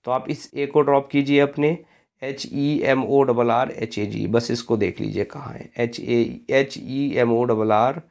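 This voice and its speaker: Slow gravelly teacher spelling words. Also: male voice, mid-range voice, steady tone, darkish tone. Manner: spells words out letter by letter, slowly and deliberately; addresses students as friends. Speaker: English teacher. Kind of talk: exam-prep spelling lesson.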